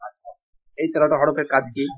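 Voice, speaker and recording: A man teaching an Arabic class, speaking slowly and repeating each word for his students to echo. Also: a little high, little pitch movement, slightly rough. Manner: slow, drills pronunciation, repeats words for students. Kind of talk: online language class. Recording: dull lo-fi audio.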